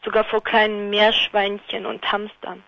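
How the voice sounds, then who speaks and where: A woman's voice: mid-range voice, monotone, a little slow, creaky, no echo. Female caller on a dry, dull phone line, casual and amused, giving hesitant short answers. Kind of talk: casual phone call to a radio show.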